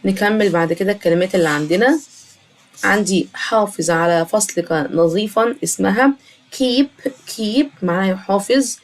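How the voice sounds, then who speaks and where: A woman with an Egyptian Arabic accent, teaching a children's English lesson and slowly repeating each English word. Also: mid-range voice. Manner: slow, drawn-out repetition of English words.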